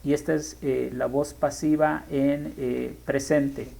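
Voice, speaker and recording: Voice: medium pitch, little pitch movement, takes it slowly, gravelly, mellow, poor audio. A teacher explaining grammar in a lesson, thinking aloud and stopping often to correct themselves. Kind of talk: screen-share grammar lesson.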